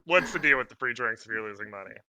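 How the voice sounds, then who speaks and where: A man playing a character in a tabletop game, talking in a halting, hesitant way. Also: mid-range voice, animated, pushed and bright, a little hiss or hum. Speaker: player.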